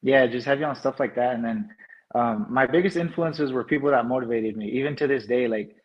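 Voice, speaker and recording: A man's voice: medium pitch, brisk, dull audio. A man from New Mexico with an American accent, chatting casually as an interview guest in laid-back, slangy phrasing. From New Mexico, United States.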